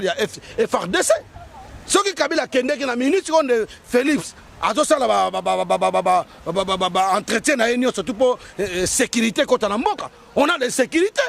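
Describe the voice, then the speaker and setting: A man's voice: very high-pitched, lively intonation, fairly quick, creaky, a bit bright. A man with a Congolese French accent, talking politics in a heated, emphatic way and repeating his points. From Democratic Republic of the Congo. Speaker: guest.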